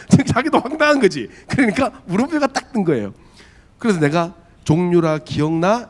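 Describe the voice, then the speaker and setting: Lively male pastor telling a story. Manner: animated, acts out quotes with big pitch jumps. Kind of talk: sermon with storytelling. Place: church.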